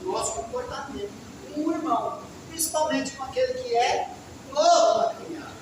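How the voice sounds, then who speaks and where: A man preaching a fervent testimony sermon, sometimes breaking into shouts. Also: very high voice, brisk, noisy background. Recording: echoey hall from far off.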